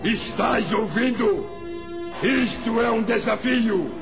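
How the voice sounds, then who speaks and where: An actor playing a boastful giant warrior in a children's Bible story, declaiming menacing challenges in a booming voice. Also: male voice, slow pace, gravelly, exaggerated voice. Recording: music under the voice.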